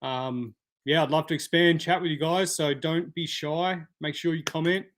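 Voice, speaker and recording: A man's voice: fairly high pitch, fairly even intonation, moderate pace, fairly bright tone. A man hosting a casual live stream, chatting and answering viewer comments by name. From Australia.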